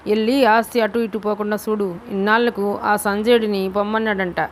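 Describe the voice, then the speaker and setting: A woman voicing a greedy, harsh, sarcastic middle-aged father who speaks slowly in a rustic, mocking way. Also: medium pitch, little pitch movement, slight background noise, lightly acted. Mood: scornful.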